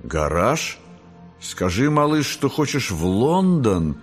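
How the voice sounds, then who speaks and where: Man putting on a high eager boy angel, lively. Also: normal speed, husky, faint music behind. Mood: keen. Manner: bright, coaxing. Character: young boy angel, keen brother.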